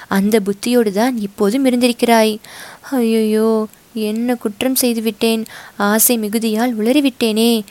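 A woman voicing a fierce, loyal boatman's wife who shouts in shrill, impassioned bursts. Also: close to an everyday voice. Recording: dry close recording.

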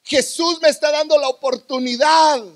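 Desperate blind male beggar as a high-voiced preacher acts him out, pleading shouts. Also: fairly even intonation, moderate pace. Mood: hopeful.

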